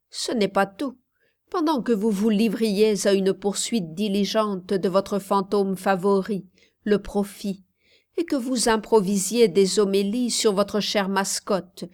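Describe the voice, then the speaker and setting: A woman reading a novel aloud in slow, measured narration, raising her tone for the dialogue. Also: mid-range voice, darkish tone. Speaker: audiobook reader. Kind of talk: scripted narration.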